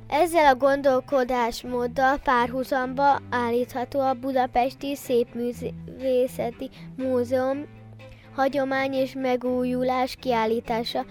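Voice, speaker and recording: Higher-voiced woman reading the news. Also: a little mellow. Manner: measured reading with small slips and restarts. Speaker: news reader. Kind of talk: read radio news bulletin.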